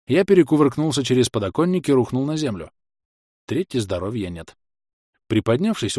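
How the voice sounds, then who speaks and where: A man reading first-person fantasy action in a brisk, vivid audiobook style. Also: medium pitch, a little mellow, no room sound, clean studio sound. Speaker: audiobook narrator.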